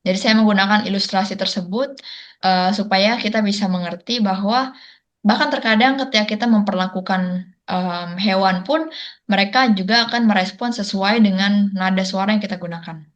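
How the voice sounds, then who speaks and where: A woman interpreting in a webinar, careful and pausing often with hesitation sounds, on a video call. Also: medium pitch, muffled recording.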